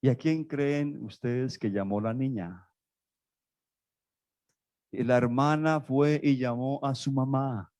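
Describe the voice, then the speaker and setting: A man's voice: mid-range voice, takes it slowly, long pauses, a little mellow, no echo. A man pastor preaching a sermon, emphatic and repetitive, speaking straight to his congregation.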